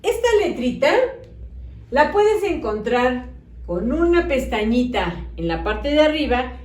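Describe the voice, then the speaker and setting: Lady teacher sounding out syllables real slow for kids, kinda high voice. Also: sing-song, a little mellow, recorded from a distance. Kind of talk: children's phonics lesson. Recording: echoey room, voice off-mic.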